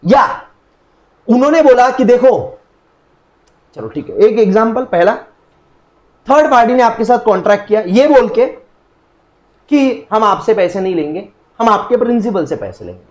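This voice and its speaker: A young man with an Indian accent teaching a recorded law lecture in a lively, jokey way, acting out little dialogues between people. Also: high-pitched, normal speed, pauses often, echoey room.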